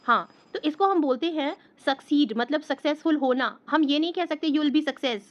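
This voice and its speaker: A woman with a high, light voice leads an English grammar lesson. She explains patiently and step by step, and slows right down whenever she reads an English example sentence. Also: dull audio. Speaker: English teacher.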